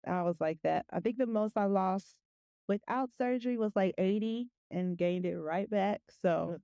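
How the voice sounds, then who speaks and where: A woman's voice: mid-range voice, normal speed, gravelly, dark tone, no echo, dull audio. A woman hosting a podcast in a casual, chatty way, encouraging and effusive with her praise. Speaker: podcast host.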